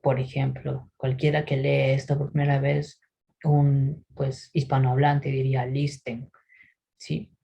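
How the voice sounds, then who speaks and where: A man teaching English pronunciation in a recorded lesson, patiently explaining and often checking in with a quick "¿sí?". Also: mid-range voice, monotone, creaky, mellow, husky, rough recording. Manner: models English words slowly for repetition.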